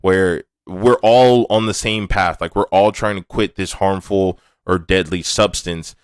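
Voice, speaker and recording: A man's voice: sits low, fairly even intonation, unhurried, clear, resonant tone, no echo. A man hosting a podcast, talking alone in a candid, laid-back way and swearing casually. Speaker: podcast host. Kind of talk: casual monologue.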